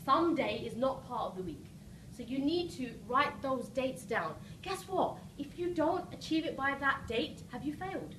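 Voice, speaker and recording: This woman's high voice is very animated and a bit bright at a normal pace as she delivers an emphatic motivational talk to a live seminar crowd. She is a coach who keeps asking quick check-in questions. The distant mic catches roomy echo and background noise.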